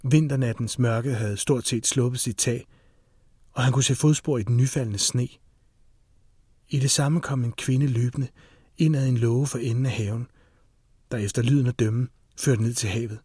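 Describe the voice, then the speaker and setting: A man reading a thriller audiobook as narrator, in steady, tense scripted narration. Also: medium pitch, husky, no room sound, clean studio sound.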